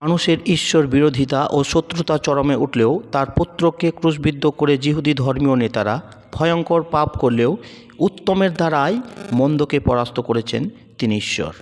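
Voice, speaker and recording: A man preaching a scripted devotional sermon in a measured, solemn way, slowing down for emphatic lists. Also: a little high.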